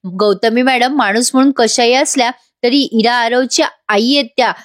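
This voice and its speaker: A woman voicing an earnest young daughter who calmly and gently persuades her father. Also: a little high, no room sound, studio quality, natural voice.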